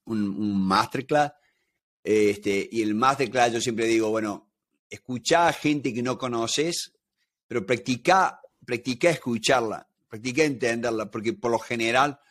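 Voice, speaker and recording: A man's voice: mid-range voice, unhurried, a bit bright. Rioplatense man explaining with examples. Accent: Rioplatense Spanish. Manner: explanatory, talks through everyday examples. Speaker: negotiation expert guest. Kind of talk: conversational interview.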